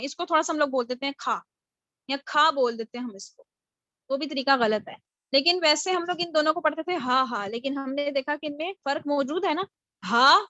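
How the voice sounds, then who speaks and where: A woman's voice: sits high, fairly bright tone, no room sound, dull audio. A woman teaching a live online Tajweed class, patiently explaining and modelling Arabic letter sounds aloud, often checking with her students. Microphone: video call.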